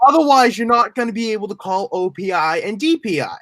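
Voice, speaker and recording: A man's voice: high-pitched, fast, dry recording. Young man chatting sports, dry close mic. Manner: animated, rambling explanations. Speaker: podcast co-host. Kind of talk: casual sports chat.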